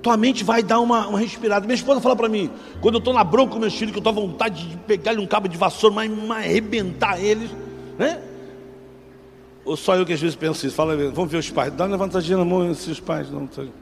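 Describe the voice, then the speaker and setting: A middle-aged man preaching a sermon with a Rio de Janeiro accent, fervent, calling listeners brother and swinging between hushed asides and loud outbursts. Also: high-pitched, quick pace. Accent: Rio de Janeiro Portuguese. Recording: long hall reverb with faint music.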